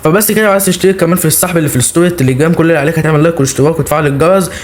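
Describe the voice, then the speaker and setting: A young man with an Egyptian accent, hosting a gaming channel and giving excited live commentary as he plays, cheering his players on. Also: a little high, very fast. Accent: Egyptian Arabic.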